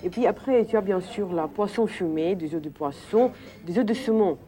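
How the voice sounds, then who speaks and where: A woman's voice: medium pitch, moderate pace, mellow. A woman whose first language is Russian, chatting casually as she explains dishes step by step in a restaurant. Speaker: Russian teacher. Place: busy restaurant. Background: crowd chatter.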